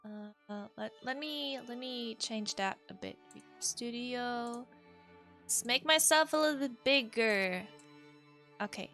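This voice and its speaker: A VTuber streamer with a voice on the high side chats casually during a game livestream and reads visual novel text aloud, taking her time. She is hesitant, keeps interrupting herself, and lets out soft exclamations while soft piano music plays behind her.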